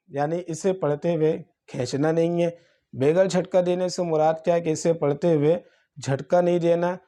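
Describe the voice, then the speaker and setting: A man's voice: a little high, dark tone. A man with a Pakistani Urdu accent teaching Quran reading, explaining letters and vowel marks step by step. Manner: drawn-out syllables in recitation drills. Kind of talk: slow spelled-out teaching lesson.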